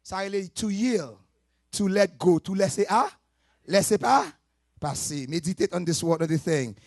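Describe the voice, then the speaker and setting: A man preaching, his voice high and husky. He moves from quiet explanation to shouted, sing-song exhortation. The sound is dry and close, with little room echo. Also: expressive, unhurried. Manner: switches between soft talk and shouted, sing-song preaching. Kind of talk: sermon.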